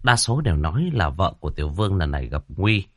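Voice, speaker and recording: A man narrating an audiobook story in a lively storytelling manner. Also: deep voice, quick pace, dry recording, studio quality.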